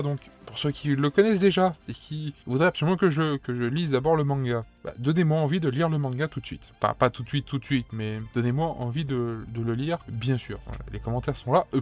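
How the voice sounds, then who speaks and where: A man with a French accent giving casual anime news commentary, rambling with lots of fillers and restarts. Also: on the high side.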